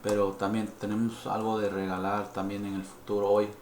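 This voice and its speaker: A Californian man who grew up speaking English, a heritage Spanish speaker, presents a live-stream dental lesson from a dental lab in halting Spanish, apologizing for it and mixing in English words. His voice is lowish and a little mellow, his delivery completely flat. The lab room is echoey, with faint ambience and slight background noise.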